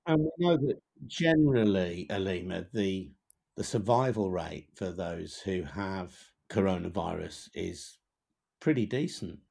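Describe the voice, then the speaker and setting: A man hosting a podcast interview, asking gentle, measured questions. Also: low-pitched, expressive, gravelly, breathy edge. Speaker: podcast host.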